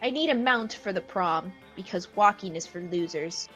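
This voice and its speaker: A woman voicing a brash, crude teenage male demon from a dating game, swaggering and quick to take offense. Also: mid-range voice, fairly bright tone, lo-fi sound, faint music behind, close to an everyday voice.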